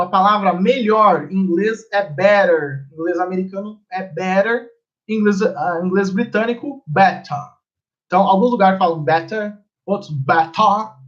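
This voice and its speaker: A man's voice: high voice, a bit bright, dull audio. A Brazilian man with a Brazilian Portuguese accent hosting a live stream, talking in a rambling, informal way and swearing casually.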